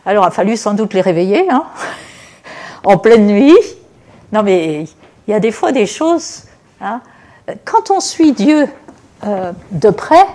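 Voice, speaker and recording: A woman leads an informal sermon in an everyday voice pitched in the middle of the range. She alternates scripture reading with loose, conversational commentary, scattering fillers and asides as she talks directly to her listeners. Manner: chatty, frequent "hein" asides and fillers; warm, explanatory, addresses the congregation directly. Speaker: preacher.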